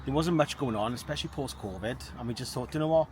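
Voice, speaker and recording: Man, quick informal explaining, average pitch, noisy outdoor setting. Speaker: community group volunteer. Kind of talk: casual interview. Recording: outdoors with clear traffic noise.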